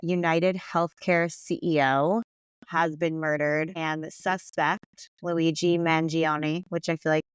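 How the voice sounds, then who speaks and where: A woman's voice: low-pitched, steady tone, measured pace, clear, resonant tone, no echo. A woman co-hosting a podcast, explaining things in a casual conversational way. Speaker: podcast co-host.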